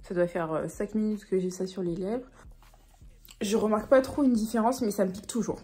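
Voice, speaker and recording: A woman, chatting casually to camera in a vlog, talking quickly with many fillers. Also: medium pitch, mellow, soft background music. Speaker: vlogger.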